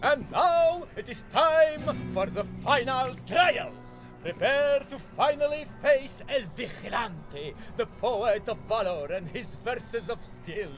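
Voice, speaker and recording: An actor playing a bumbling, boastful young masked vigilante in a video game, grandiose and mock-archaic, stammering when flustered. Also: male voice, extremely high pitch, lively intonation, slow pace, music in the background, exaggerated voice, low-quality recording. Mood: theatrical bravado. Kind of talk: cartoonish swashbuckling game acting.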